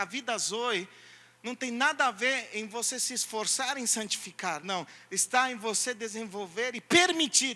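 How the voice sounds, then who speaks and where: A man preaching a sermon as pastor, swinging between loud calls and hushed asides. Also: very high-pitched.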